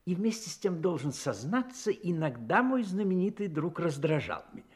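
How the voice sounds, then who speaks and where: A genial retired army doctor in a radio play, with a slightly husky voice that swings widely in pitch. He is courteous and confiding, an expressive theatrical storyteller who is fond of his friend but easily piqued. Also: moderate pace, full character voice. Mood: confiding, slightly vexed. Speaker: narrator and character in an audio play.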